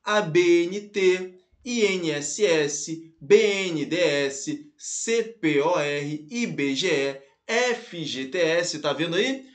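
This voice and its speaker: A Brazilian man teaching a grammar lesson online in a lively way, calling out to his students and spelling letters out slowly. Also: fairly high pitch, roomy sound. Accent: Brazilian Portuguese. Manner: lively, addresses viewers as "galera" and "pessoal", spells letters out slowly.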